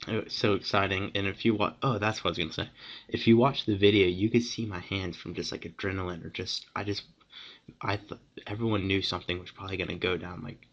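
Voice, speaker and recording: A teenage boy tells a story straight to his camera, rambling and excited, tripping over restarts and fillers. His voice sits low with a gravelly fry. The audio is dull and lo-fi, like a cheap webcam. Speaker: vlogger.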